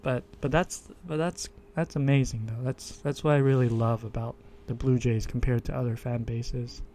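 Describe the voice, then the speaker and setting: A man introduces himself on his own podcast in a casual monologue, speaking in a low monotone at a moderate pace. He's hesitant, stopping often with fillers and restarts. He uses a desktop USB microphone, and a little hiss or hum can be heard.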